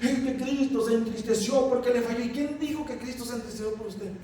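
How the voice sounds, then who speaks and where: A man's voice: very high voice, steady tone, a little fast, dark tone. A man preaching an emphatic sermon, calling out to his congregation. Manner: emphatic, addresses the congregation as "iglesia". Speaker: pastor. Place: church hall. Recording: echoey hall, distant mic, faint noise.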